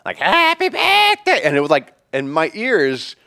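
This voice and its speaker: A man co-hosting a podcast, telling a story loudly with lots of swearing and shouted bits; he says he is deaf. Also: on the high side, animated, normal speed, no echo, studio quality. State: hard of hearing. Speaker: podcast co-host. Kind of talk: casual chat.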